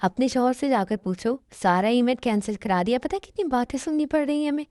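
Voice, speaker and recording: A woman's voice: fairly high pitch, brisk, no echo, close to an everyday voice. A woman doing a scolding middle-aged mother. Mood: angry. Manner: sharp and scolding. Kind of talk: fan dub dialogue acting.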